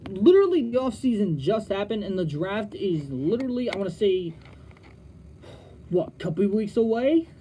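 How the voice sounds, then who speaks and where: A young man hosting a college radio sports talk show, talking straight to his listeners with lots of restarts and animated emphasis. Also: high-pitched, slight background noise.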